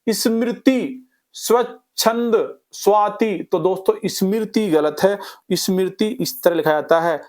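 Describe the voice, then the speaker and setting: A man's voice: sits high, measured pace. A man teaching an exam revision class. He asks the class questions, answers them himself, and repeats key points over and over. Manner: lively, repetitive drilling of key points. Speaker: Hindi exam-prep teacher.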